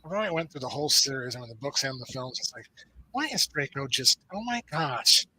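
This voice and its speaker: Bright-voiced middle-aged man chatting. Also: mid-range voice, fairly quick, no room sound, low-quality recording. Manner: animated storyteller, acts out quoted voices. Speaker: movie watch party host. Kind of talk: casual chat.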